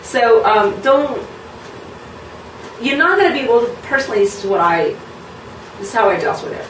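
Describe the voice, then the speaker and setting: A woman's voice: on the high side, normal speed, recorded from a distance, slight background noise. Frank, chatty woman in a roomy space. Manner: frank, lively, many ums and you knows. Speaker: belly dance teacher. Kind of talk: casual chat to camera.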